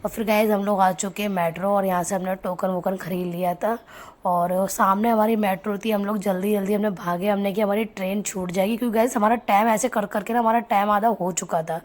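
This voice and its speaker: A woman's voice: medium pitch, steady tone, brisk, hardly any pauses, a little mellow. A young woman from Agra, India, narrating her day in a chatty casual vlog and talking straight to her viewers. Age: young adult. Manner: chatty, addresses viewers directly. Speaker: vlogger.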